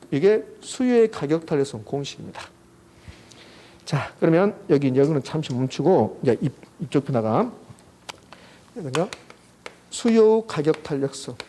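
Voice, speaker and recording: A man lecturing on an exam subject, walking students through a formula and quizzing them with quick rhetorical questions. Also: on the high side, dark tone, a little hiss or hum. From South Korea. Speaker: real estate exam lecturer. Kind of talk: classroom lecture at a whiteboard.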